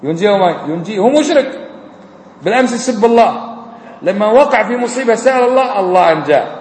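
A man preaching a sermon as an imam, fervent and swinging between near shouts and low, quiet lines. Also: animated, fast talker, slight background noise. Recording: echoey hall with long reverb.

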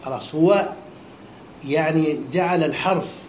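A male teacher, his voice sitting a little high for a man, walks his students through a text. He keeps breaking off with quick questions to check they follow. The sound is roomy and echoey, with a faint hum behind him. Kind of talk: classroom lesson explaining a text.

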